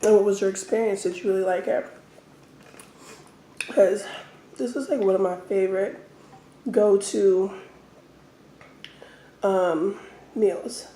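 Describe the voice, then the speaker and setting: A woman telling stories casually as an eating-show host, talking in short phrases with pauses. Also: mid-range voice, steady tone, mellow, slight background noise. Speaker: mukbang host. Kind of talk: casual storytelling while eating. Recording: roomy, echoey indoor sound.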